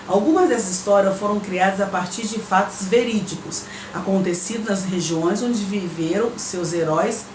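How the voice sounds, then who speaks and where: A woman teacher with a Brazilian Portuguese accent, giving a recorded remote lesson. She reads the textbook aloud, explains it patiently and checks in with her pupils. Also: mid-range voice. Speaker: primary school teacher. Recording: echoey room with faint background noise.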